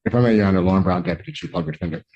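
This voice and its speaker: A man's voice: low-pitched, big pitch swings, very fast, vocal fry, darkish tone, muffled recording. A man speaking as a public defender, formally addressing the court.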